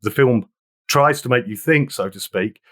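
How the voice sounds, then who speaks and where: Guy musing earnestly about a movie, reading bits out loud, medium voice. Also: medium pitch, moderate pace. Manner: earnest and reflective, reads passages aloud. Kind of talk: casual film discussion.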